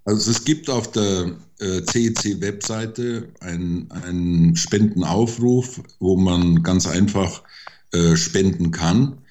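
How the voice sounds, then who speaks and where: An older man giving interview answers slowly, halting with many fillers. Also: sits low, steady tone, darkish tone, a little hiss or hum. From Germany. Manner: slow and hesitant, many fillers. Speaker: interview guest, forester.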